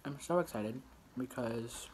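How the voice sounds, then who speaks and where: A man's voice: medium pitch, unhurried, darkish tone, slight background noise. A young man chatting casually while eating, rambling and joking with lots of fillers. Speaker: musician vlogger. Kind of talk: casual behind-the-scenes chat while eating.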